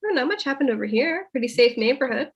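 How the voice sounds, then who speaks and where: A woman's voice: sits high, lively intonation, fast talker, highs cut off. A woman co-hosting an improv live stream in a casual, chatty style. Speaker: improv show co-host.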